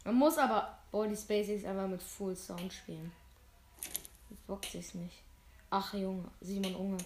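A woman giving casual gameplay commentary, excitable and swearing a lot, with sudden yelled outbursts. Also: medium pitch, a little slow, a little hiss or hum. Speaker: let's play streamer. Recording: roomy echoey room.

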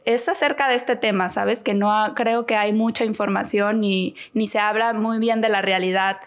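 A woman's voice: medium pitch, fairly even intonation, moderate pace. A woman, co-hosting a podcast in casual, chatty talk full of tag questions. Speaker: podcast co-host. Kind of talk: casual chat.

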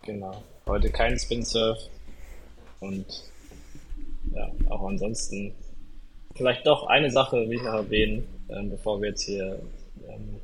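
A man's voice: fairly low pitch, steady tone, a little slow, pauses often, a bit bright, a little hiss or hum, low-quality recording. A man co-hosting a podcast in casual chat, talking in a rambling, hesitant way with many restarts. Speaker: podcast co-host.

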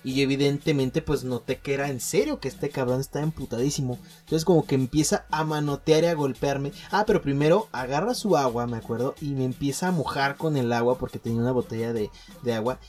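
A young man with a Mexican accent casually telling a school story on a podcast, full of slang, swearing, jokes and halting restarts. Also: medium pitch, a little mellow, faint music behind. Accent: Mexican Spanish.

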